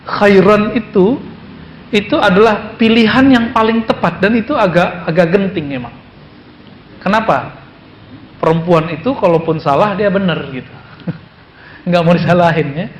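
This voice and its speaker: High-voiced man preaching in an echoey room. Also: measured pace, long pauses. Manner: conversational, teasing, quotes Arabic then explains in Indonesian. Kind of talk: sermon. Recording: echoey room with faint background noise.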